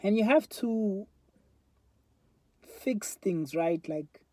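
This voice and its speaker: This vlogger, a South African man in his 20s, speaks very slowly in a high, expressive voice with a darkish tone. He rambles candidly and reflectively with many fillers into a phone front camera, and there's no echo.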